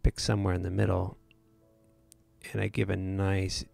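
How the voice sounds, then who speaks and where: A man's voice: deep voice, monotone, normal speed, creaky, darkish tone. A man hosting a live photo editing tutorial, talking casually with many fillers and restarts.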